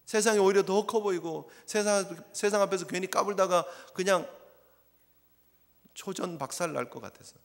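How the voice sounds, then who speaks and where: A male pastor preaching a sermon in a church, swinging between hushed, low passages and loud, emphatic ones. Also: normal speed. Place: church sanctuary. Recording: long reverb of a church sanctuary.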